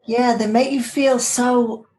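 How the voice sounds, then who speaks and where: A woman's voice: on the high side, fairly even intonation, slow, a little mellow, rough recording. Enthusiastic woman chatting on a podcast. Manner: enthusiastic, gushing, talks in flowing run-on sentences. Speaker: yoga teacher, guest. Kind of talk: casual podcast chat.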